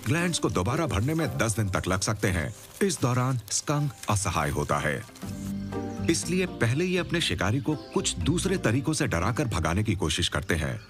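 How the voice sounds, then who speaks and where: A man narrating a nature documentary from a script, with a measured, explanatory storytelling delivery. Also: mid-range voice, very animated, over music.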